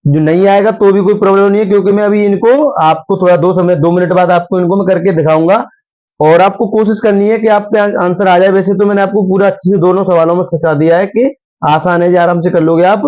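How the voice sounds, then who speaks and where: A man's voice: high-pitched, steady tone, fast talker, darkish tone. A young man teaching a math lesson at a board, patiently repeating steps and quizzing his students. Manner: patient, repeats steps and asks the class questions. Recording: dull lo-fi sound.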